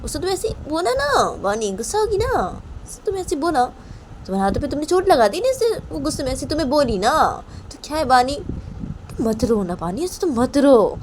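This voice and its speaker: A woman's voice: high-pitched, big pitch swings, fairly quick, darkish tone, slight background noise, voice pushed up. A woman voicing an older aunt who soothes a crying girl and repeats her words insistently. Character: older aunt, gentle but firm, consoling.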